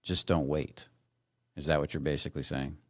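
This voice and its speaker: A man's voice: extremely low pitch, steady tone, moderate pace, no echo, studio quality. A middle-aged man hosting a podcast, enthusiastic and rambling with many fillers. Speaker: podcast host. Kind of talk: casual interview chat.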